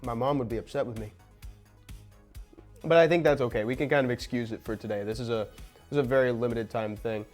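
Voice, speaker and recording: A young man hosting a casual game live stream, chatting excitedly while eating and talking with his mouth full. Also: medium pitch, fast, pauses often, soft background music.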